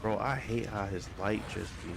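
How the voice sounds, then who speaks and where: A man giving casual, slangy commentary on a game as he plays, muttering informally in a creaky voice. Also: on the low side, normal speed, background noise. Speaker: gamer commentating on playthrough.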